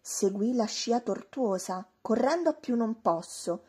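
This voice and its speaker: A woman hosting her channel and reading a children's storybook aloud in a gentle, expressive tone. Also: a little high, measured pace, slightly rough.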